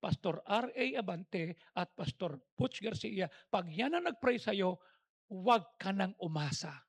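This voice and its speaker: A pastor from the Philippines preaching a lively, joking sermon, mixing in English and acting out stories. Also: male voice, sits high, measured pace, husky. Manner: animated, mixes in English, acts out stories and jokes. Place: church service.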